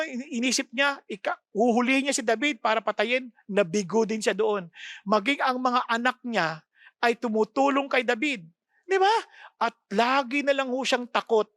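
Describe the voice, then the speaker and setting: A woman preacher giving an expressive sermon and often asking her listeners questions. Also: on the high side, no room sound, studio quality. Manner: expressive, asks the congregation repeated questions.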